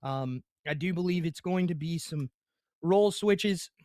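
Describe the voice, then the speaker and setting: Young guy doing esports play-by-play, kinda high voice, dead dry sound, hiccuping n saying sorry to chat. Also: a little slow, warm tone, no echo. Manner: hiccuping, apologetic asides to chat. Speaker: esports caster. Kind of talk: play-by-play commentary.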